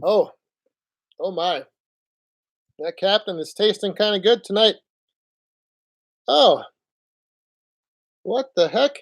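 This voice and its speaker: A high-pitched, gravelly-voiced man hosts a laid-back phone live stream from inside his home. He takes his time, leaving long pauses as he rambles and reads out comments from the chat.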